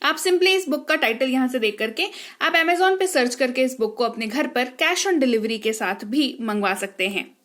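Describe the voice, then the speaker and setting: A woman's voice: high voice, lively intonation, moderate pace, fairly bright tone. A woman, an English teacher explaining pronunciation rules step by step and often checking that her students follow.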